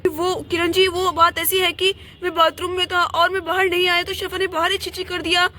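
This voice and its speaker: A woman's voice: extremely high pitch, level tone, normal speed, pushed and bright, a little hiss or hum. A woman voicing a flustered, apologetic father and henpecked husband in a doll play, pleading with his family.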